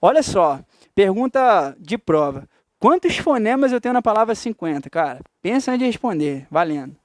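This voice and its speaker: Male teacher, high voice, dry sound; chatty lecture that keeps checking if the class follows. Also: sing-song, moderate pace, a little mellow, no room sound. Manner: chatty, checks in with students often.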